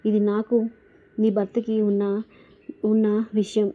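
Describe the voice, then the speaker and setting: A fiercely defiant young married woman presses her questions in an insistent, confrontational way, as a woman narrator puts her on. The delivery stays fairly flat in pitch. The recording sounds dull and lo-fi. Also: measured pace, close to an everyday voice. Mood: angry.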